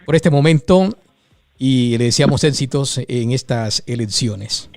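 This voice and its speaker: A man hosting a radio interview, speaking conversationally in measured short phrases. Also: mid-range voice, a little mellow, no room sound.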